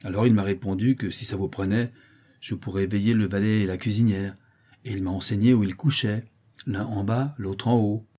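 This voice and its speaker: A man's voice: lowish voice, steady tone, brisk, warm tone, breathy edge. A man voicing a lame, mocking boy who taunts cruelly in a sing-song way. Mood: jeering.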